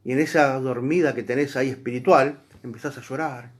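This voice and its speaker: A man's voice: medium pitch, steady tone, a little fast. Emphatic male Bible teacher. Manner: emphatic, conversational, speaks directly to the listener. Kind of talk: church class lecture.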